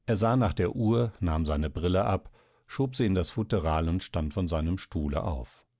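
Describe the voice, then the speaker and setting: Ein Mann liest einen klassischen Roman vor, mit sehr tiefer Stimme und ruhigem, gleichmäßigem Erzählton. Die Aufnahme ist trocken, ohne Hall, nah am Mikrofon. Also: male voice, sits low, moderate pace, mellow. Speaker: narrator. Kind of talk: audiobook reading of a classic novel.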